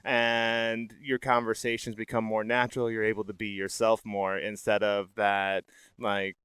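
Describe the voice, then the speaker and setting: A man hosting a podcast, chatting casually with a guest in a relaxed, easygoing way and laughing a lot. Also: on the low side, unhurried, clear, resonant tone, no room sound. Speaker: podcast host. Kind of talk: casual interview talk.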